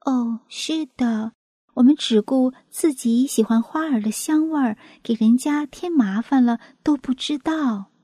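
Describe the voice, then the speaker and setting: A woman voicing a thoughtful, soft-spoken katydid in a storybook tale. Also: high voice, husky, no room sound, clean studio sound, pitched above the performer's own voice. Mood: rueful. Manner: slow, soft, reflective.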